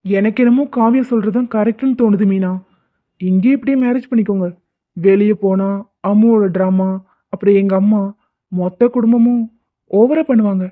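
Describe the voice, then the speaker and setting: A woman's voice: medium pitch, moderate pace, pauses often, close to an everyday voice. A woman voicing a confident young man in a cartoon drama, who talks in a teasing, commanding way. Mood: firm. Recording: dry, phone-like lo-fi.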